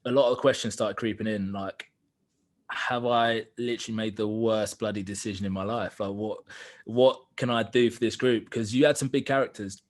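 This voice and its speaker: A man's voice: lowish voice, fairly even intonation, moderate pace. Young man, podcast guest, reflective storytelling, candid, earnest, frequent fillers.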